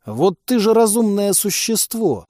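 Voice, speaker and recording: A man voicing an indignant, excitable young male companion in an audiobook. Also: fairly high pitch, normal speed, no room sound, studio quality.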